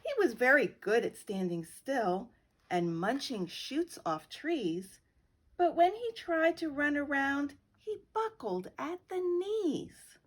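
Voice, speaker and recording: A middle-aged woman reading a children's picture book aloud with slow, expressive storytelling. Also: sits high. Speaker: guest reader.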